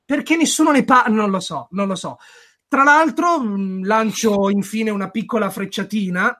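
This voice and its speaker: A man with a notably high voice argues his case in a casual podcast chat. He sounds animated and combative, and he swears now and then. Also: moderate pace. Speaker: podcast co-host. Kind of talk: heated casual discussion.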